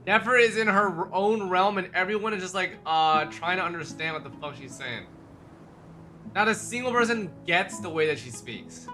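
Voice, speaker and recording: Higher-pitched male streamer, bright forceful voice, slangy casual reactions, faint music behind. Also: lively intonation, moderate pace. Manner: informal, slangy, swearing. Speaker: livestreamer. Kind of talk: casual live reaction commentary.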